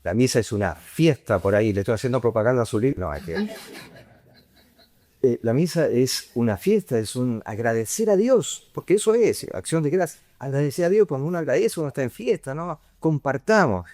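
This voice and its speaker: A man's voice: medium pitch, expressive, fairly quick, a little mellow. A man, a priest giving an informal retreat talk in a conversational way that often ends on a questioning tag. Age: 50s.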